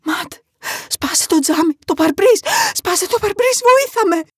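A woman voicing a terrified mother trapped in a sinking car, pleading frantically in a husky voice for a horror audiobook. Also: very high voice, lively intonation, dry recording, clean studio sound, pitched above the performer's own voice. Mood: panicked pleading.

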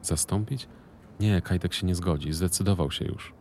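A man's voice: deep voice, moderate pace, warm tone, slight background noise. A man reading a tense middle-aged mother boss.

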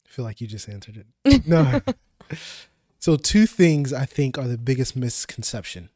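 A young man co-hosting a podcast, animated when telling stories and quick with affirmations in casual chat. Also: mid-range voice, no echo, studio quality. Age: young adult. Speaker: podcast co-host.

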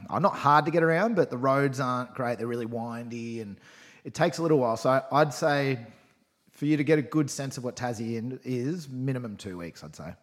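Casual Australian male podcast guest, mid-pitched, easygoing Aussie tradie type, matey and unpolished. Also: a little fast. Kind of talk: casual chat.

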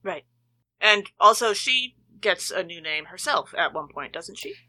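Bright, forceful woman reading scripture. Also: mid-range voice, expressive, a little slow, low-quality recording. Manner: introduces and reads the passages. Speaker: podcast co-host. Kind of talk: casual chat and scripture reading.

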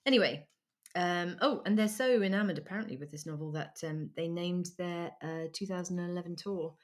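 A woman's voice: lowish voice, moderate pace. A woman hosting a casual music chat, giggly and rambling with lots of ums. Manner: chatty, giggly, trails off with ums. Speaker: podcast host.

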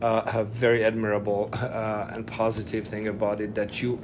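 A middle-aged Hungarian man in a casual interview speaks at normal speed in a fairly low, monotone voice with a Hungarian accent, over background noise. Hesitant and full of fillers and restarts, he laughs often.

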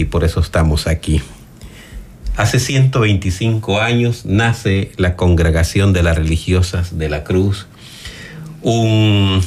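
Man, radio host, devout and warm, lowish voice. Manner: warm, devout, fond of church phrases. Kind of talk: radio interview.

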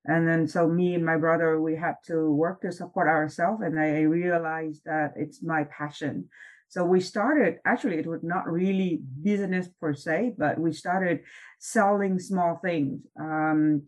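A middle-aged woman from Vietnam, a professor and founder telling her story in an interview, speaking in a measured way with frequent pauses. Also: deep voice, steady tone, darkish tone, poor audio. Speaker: business school professor and founder, interview guest.

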